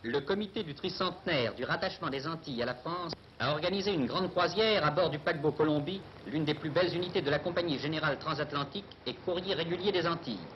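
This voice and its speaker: Old newsreel announcer, high male voice. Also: quick pace, hardly any pauses. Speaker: newsreel commentator. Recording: dull old archive newsreel, background noise.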